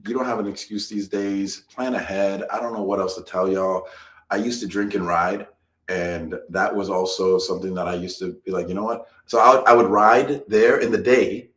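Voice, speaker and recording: A man's voice: sits low, steady tone, normal speed, echoey room. A man co-hosting a casual live-stream chat, rambling and repeating himself as he talks. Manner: rambling, repeats phrases, laughs often. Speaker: co-host.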